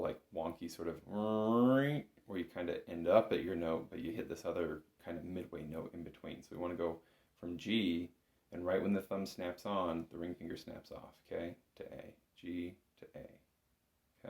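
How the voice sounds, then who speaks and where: A man's voice: low voice, fairly even intonation, normal speed, darkish tone. A man giving a step-by-step music lesson as an instructor, talking in an informal, patient, encouraging way. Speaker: bagpipe instructor. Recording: roomy, echoing room sound.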